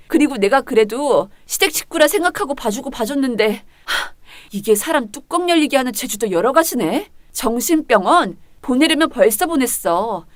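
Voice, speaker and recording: A woman voicing a sharp-tongued young wife who speaks sarcastically and coolly. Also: high-pitched, no echo. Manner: sarcastic, cutting.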